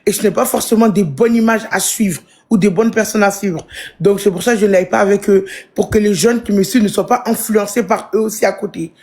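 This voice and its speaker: A woman's voice: medium pitch, a little fast, darkish tone. A woman on a live stream, thanking and rallying her supporters, then earnestly explaining her limits. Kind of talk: casual live-stream chat.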